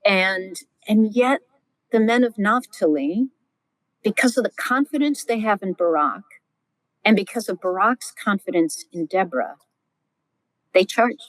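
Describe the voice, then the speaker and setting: A middle-aged woman, a scholar and podcast guest, teaching in a lively, vivid storytelling way with frequent exclamations. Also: medium pitch, normal speed, no room sound, low-quality recording. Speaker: guest Old Testament scholar.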